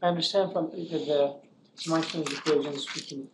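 A male student asking the lecturer a question, halting and searching for words in a lecture room. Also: fairly high pitch, fairly even intonation. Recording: noisy classroom recording.

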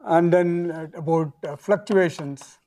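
A man with a South Indian accent giving an academic physics lecture in halting phrases with pauses. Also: a little high, mellow.

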